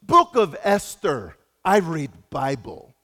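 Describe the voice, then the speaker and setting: A tall, stoic taxi driver in clipped, broken English, as a preacher puts him on with a made-up foreign accent. The voice sits high, and his words trail off into a long hall reverb. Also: expressive, normal speed. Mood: friendly.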